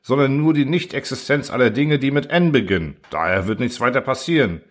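A man reading an audiobook voices an excitable male inventor who talks in a raised, agitated, pleading way. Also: mid-range voice, brisk, pitched above the performer's own voice, close to an everyday voice. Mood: reassuring.

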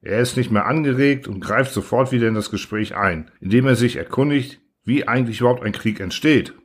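A man narrating a literary audiobook in a calm, even storytelling manner. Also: medium pitch, fairly quick, breathy edge.

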